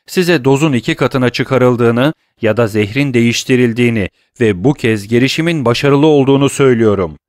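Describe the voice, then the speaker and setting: A grief-stricken young lover hurls his accusations with rising, urgent force, as a male audiobook narrator puts him on. His voice sits higher and louder than the narration, pressing every phrase in a dry, close recording. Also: normal speed, no echo, natural voice. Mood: impassioned. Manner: impassioned, declaiming accusations.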